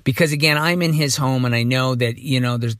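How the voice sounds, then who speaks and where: A middle-aged man hosting a podcast in a casual, rambling monologue, with a slightly hoarse morning voice. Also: medium pitch, brisk, fairly bright tone, no echo, clean studio sound. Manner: rambling, self-correcting, chatty. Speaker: podcast host.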